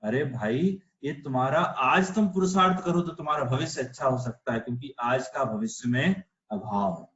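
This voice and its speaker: A man's voice: mid-range voice, reverberant, lo-fi sound, a little hiss or hum. A man teaching an online religious philosophy class, explaining patiently and asking rhetorical questions. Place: online video call class.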